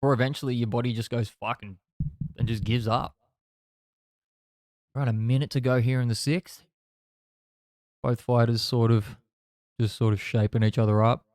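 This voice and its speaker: A man's voice: medium pitch, fairly even intonation, normal speed, pauses often, a little mellow, dry recording. Chatty Kiwi man, close dry sound. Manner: chatty, blokey, sweary. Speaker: boxing watch-along podcast host. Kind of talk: casual live fight commentary.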